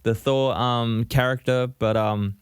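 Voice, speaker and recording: Nz guy on a podcast, chatty and animated, mid pitch, dry sound. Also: takes it slowly, smooth, no echo. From New Zealand. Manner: animated, swearing, frequent "you know what I mean". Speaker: podcast co-host. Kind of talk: casual chat.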